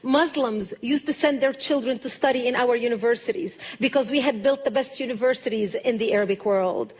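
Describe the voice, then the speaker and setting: A woman speaks in a notably high voice, laying out her account in a measured, earnest way. Her delivery is steady, like a prepared speech. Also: slightly rough. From Lebanon. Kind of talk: recorded speech testimony.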